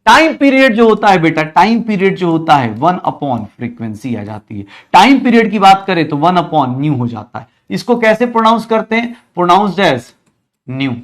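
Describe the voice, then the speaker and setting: Male online teacher with a high voice, repeats questions aloud and answers them himself, blends English science terms into Hindi. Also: big pitch swings, normal speed, few pauses. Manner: calls students beta and bhaiya. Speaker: chemistry teacher. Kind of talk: online lecture.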